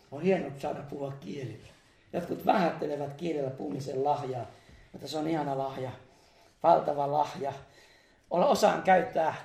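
In a church meeting hall, a man delivers a fervent charismatic sermon, exclaiming hallelujah and laughing between phrases. His voice sits on the high side, gravelly yet mellow, with a roomy sound.

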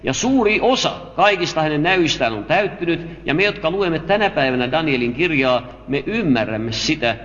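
A man with a fairly high voice delivers a sermon, reading scripture and explaining it in a measured, careful way. The audio is dull and lo-fi, with long reverb from a large hall. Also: lively intonation, fairly bright tone. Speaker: preacher. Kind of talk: Bible teaching sermon.

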